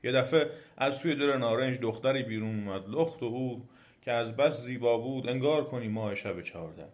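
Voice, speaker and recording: A man narrating a folk tale for a storytelling podcast, measured and expressive. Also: medium pitch.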